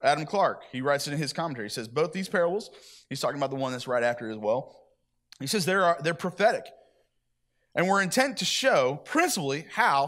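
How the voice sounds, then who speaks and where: A man's voice: on the high side, a bit bright. A man preaching a sermon at church in a chatty, conversational way, often repeating himself. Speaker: pastor.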